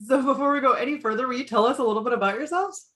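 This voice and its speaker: A woman's voice: high-pitched, rapid-fire, fairly bright tone. A woman hosting a podcast interview, upbeat and encouraging toward her guest. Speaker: podcast host. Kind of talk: casual interview.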